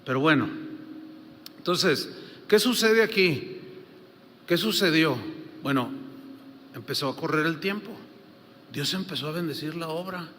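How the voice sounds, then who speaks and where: An older Mexican pastor delivers a sermon in a fairly high voice, telling stories conversationally and full of fillers. His voice carries a long reverb from a large church hall. A faint hiss runs under it. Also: expressive, measured pace, pauses often, fairly bright tone. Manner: storytelling, conversational with many fillers.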